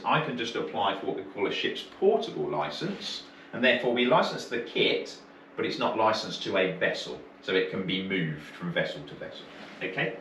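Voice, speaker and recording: A British man teaching a marine radio course speaks in a lowish, slightly bright voice. He explains things informally, step by step, checking understanding with short questions. The indoor training room sounds roomy, picked up by a distant mic with faint noise.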